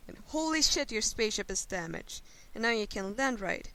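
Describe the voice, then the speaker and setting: In a hissy, low-quality home recording with faint noise, a woman reads fan fiction aloud as a guest, narrating in second person with a brash, sweary, chatty dramatic style. Her voice sits on the high side, expressive, pushed and bright, at a moderate pace.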